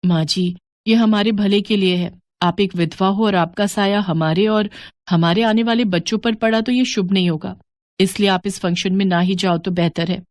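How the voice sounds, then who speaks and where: A woman's voice: medium pitch, steady tone, moderate pace, dry recording, lightly acted. A woman voicing a young, pregnant, rich daughter-in-law who talks politely but dismissively.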